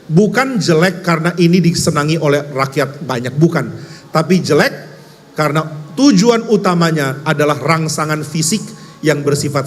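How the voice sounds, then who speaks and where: A man from Indonesia preaching a conversational sermon, telling stories in a lively, wry, emphatic way. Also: a little high. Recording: long hall reverb.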